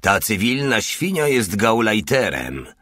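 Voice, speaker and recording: Drunk sergeant, mocking, coarse, low, husky, dry close sound, audiobook, a man doing it. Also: big pitch swings, unhurried, fairly bright tone, no echo, full character voice. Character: brutal drunk male military police sergeant. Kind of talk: audiobook narration.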